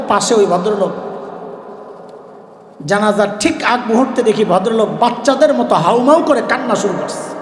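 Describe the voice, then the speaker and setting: A middle-aged man preaching a sermon in colloquial storytelling style, rising at times to shouts. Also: extremely high pitch. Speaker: mosque preacher. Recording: echoey hall with long reverb.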